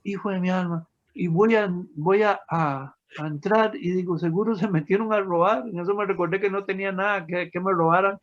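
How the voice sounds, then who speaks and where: High-voiced man giving a testimony. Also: fairly even intonation, a little fast. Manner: emotional, storytelling, addresses listeners as friends. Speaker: testimony speaker. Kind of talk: personal testimony to an audience. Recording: dull lo-fi sound.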